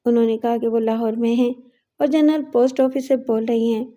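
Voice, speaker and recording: Woman voicing a brisk clever younger sister. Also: on the high side, steady tone, warm tone, close to an everyday voice. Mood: matter-of-fact.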